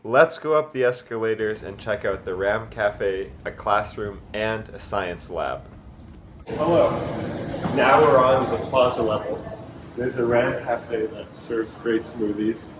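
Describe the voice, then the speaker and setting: A man's voice: lowish voice, measured pace. A young adult man narrating a guided campus tour as a student guide. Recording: clear background noise.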